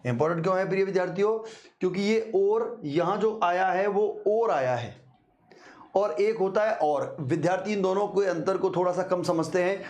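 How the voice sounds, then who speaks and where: A male teacher giving an exam-prep grammar lesson, explaining slowly, repeating key words and sounding out syllables for his students. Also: high voice, darkish tone. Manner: addresses students repeatedly, slow deliberate explanation with repetitions; sounds out syllables to demonstrate pronunciation.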